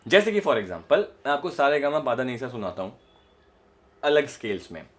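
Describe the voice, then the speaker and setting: This Indian-accented voice modulation coach speaks at normal speed in a sing-song, slightly bright medium-pitched voice, with a little hiss or hum in the background. He gives instruction to camera with demonstrations, stressing ideas and frequently confirming the listener follows.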